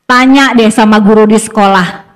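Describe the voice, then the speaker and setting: A middle-aged woman psychologist giving a lively parenting seminar in a school hall, acting out the lines of parents and children as she goes. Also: mid-range voice, normal speed. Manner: animated, acts out parent and child lines, laughs with audience. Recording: long hall reverb.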